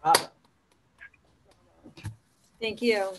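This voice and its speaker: A woman hosting a live poetry event, reading a long poem aloud and giving each line slow, deliberate emphasis. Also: mid-range voice, heavy background noise. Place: library event room.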